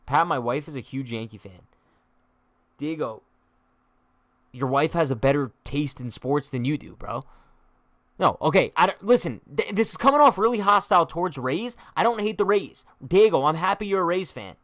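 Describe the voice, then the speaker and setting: A man's voice: on the high side, lively intonation, moderate pace, a bit bright, no echo, clean studio sound. A young man hosting a live-stream sports chat, trash-talking in a joking way, heavy on slang, and reading viewer comments aloud. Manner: slangy, says "bro" a lot. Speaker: sports show host.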